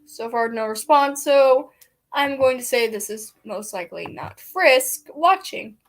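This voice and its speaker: Vlogging casually from her bedroom, a woman rambles and chats, slipping into baby talk with a toddler. Her voice sits high, expressive and a little slow.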